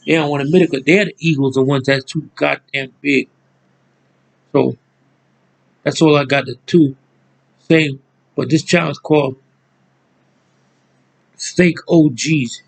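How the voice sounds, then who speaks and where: A man's voice: fairly high pitch, fairly even intonation, moderate pace, gravelly, long pauses, low-quality recording. A man, ranting angrily to his viewers in a repetitive monologue, cursing as he goes. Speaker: channel host. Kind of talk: angry monologue to camera.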